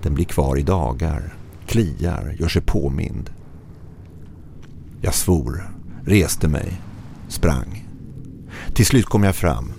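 A man's voice: extremely low pitch, lively intonation, vocal fry, pauses often, warm tone, a little hiss or hum. A man narrating a first-person horror story in short, tense, clipped phrases.

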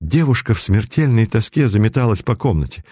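A man's voice: lowish voice, sing-song, a little fast, mellow, slightly rough, dry recording, studio quality. A man reading a story aloud in a theatrical, emotive way. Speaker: narrator. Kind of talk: dramatic audiobook narration.

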